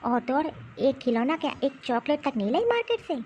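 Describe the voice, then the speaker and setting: A woman's voice: high voice, sing-song, fairly quick, darkish tone, dull audio, a little hiss or hum. A woman voicing a protective young mother in a cartoon who lectures her mother-in-law at length. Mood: indignant. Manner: indignant, lecturing. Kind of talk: cartoon voice acting.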